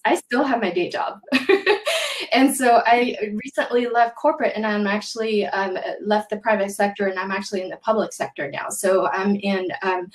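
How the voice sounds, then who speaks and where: A woman from Taiwan, in her thirties or forties, speaking as a guest on a panel. She talks hesitantly and fills pauses with many ums. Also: medium pitch, reverberant, low-quality recording. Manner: hesitant, many filler words. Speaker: panel guest, social practice artist. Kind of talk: casual panel talk.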